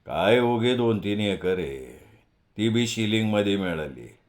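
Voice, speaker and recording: A man voicing a poor, hospitable old village grandfather who talks slowly and low in rustic speech. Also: animated.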